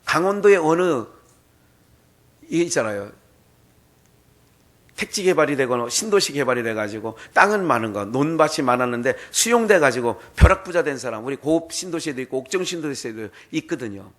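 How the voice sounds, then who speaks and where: A male pastor preaching a sermon in a church, telling a folk tale in an animated way and asking the congregation questions. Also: mid-range voice, fairly quick. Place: church sanctuary.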